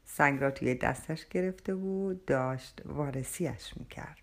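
A woman narrating an audiobook in the first person, telling the story expressively. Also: very deep voice.

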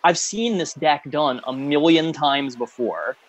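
A man's voice: fairly high pitch, unhurried. A man co-hosting a casual chat about game cards, blunt and sarcastic with frequent laughs. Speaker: co-host reviewing cards.

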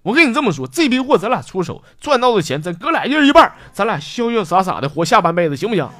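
A man's voice: high voice, sing-song, quick pace, sharp tone, dry recording, clean studio sound, faint music behind, voice pushed up, full character voice. A man playing an earnest ex-convict big brother. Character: sentimental middle-aged male ex-convict big brother.

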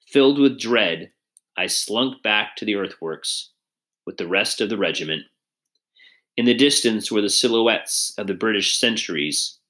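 A man reading a first-person story aloud in an earnest, measured way. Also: lowish voice, sharp tone. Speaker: audiobook reader.

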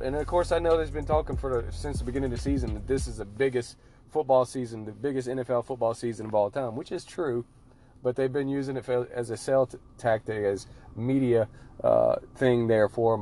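A man with a mid-pitched voice hosts a sports podcast. He is chatty and informal, circling back on his own phrases, over a clearly audible music bed. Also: fairly quick, mellow. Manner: chatty, repeats himself, informal. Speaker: podcast host. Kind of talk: casual sports podcast talk.

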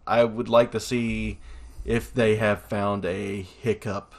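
A man co-hosting a casual chat in an easygoing way, with quick laughs. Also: fairly low pitch, flat delivery. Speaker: co-host.

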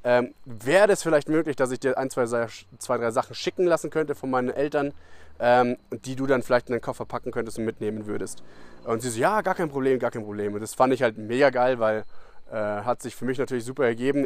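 A young man talks loosely in a casual solo podcast, drifting between thoughts and filling gaps with fillers and restarts. His voice sits at an ordinary middle pitch. The recording is dry and close, with no room sound. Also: no echo. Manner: rambling, many fillers and restarts, colloquial. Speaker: podcast host. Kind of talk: casual rambling monologue. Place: abroad in Costa Rica.

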